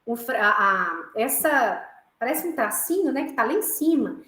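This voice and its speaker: A woman's voice: fairly high pitch, big pitch swings, measured pace, sharp tone, reverberant. A woman music teacher with a Brazilian Portuguese accent, lecturing an online class, often checking in with "né" and "tá" and counting beats aloud.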